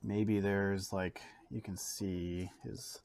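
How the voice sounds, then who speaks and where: This is a deep, creaky-voiced Canadian man with a Canadian English accent, an art educator running a casual demo. He draws at a table in his home studio under an overhead camera, musing aloud in a relaxed way and padding silences with fillers.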